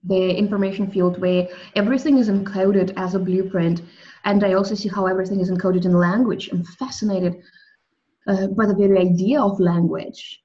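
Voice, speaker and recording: In a lo-fi recording, a Russian-speaking woman reflects on the soul and on language as a guest in a spiritual interview conversation. She speaks at normal speed in a steady, dark mid-range voice, thoughtful and often restarting.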